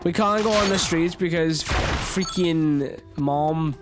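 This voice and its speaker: A man's voice: fairly high pitch, slow, heavy background noise. A man hosting a podcast, commentating his gameplay with exasperated, swearing complaints. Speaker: podcast host. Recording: game audio and music playing behind.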